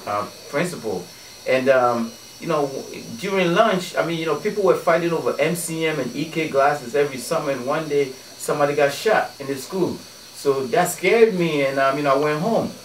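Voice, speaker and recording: A man from Ghana, a guest on a radio show, telling stories in a relaxed way with many fillers and restarts. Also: a little high, normal speed, reverberant, far from the mic, a little hiss or hum, rough recording. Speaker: guest, community organizer. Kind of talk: casual radio interview. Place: radio studio.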